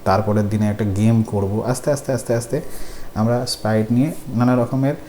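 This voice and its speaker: A man gives a screen-recorded coding tutorial, patiently working through each step and asking his students questions. His mellow, lowish voice moves at a quick pace with fairly even intonation, over faint background noise.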